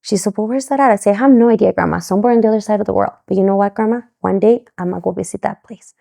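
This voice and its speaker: A woman from Mexico talks as a podcast guest and tells her story with energy. She slips into the voices of the people she quotes. Her voice is dark and a little gravelly. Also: medium pitch, rapid-fire. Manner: animated, acts out quoted voices.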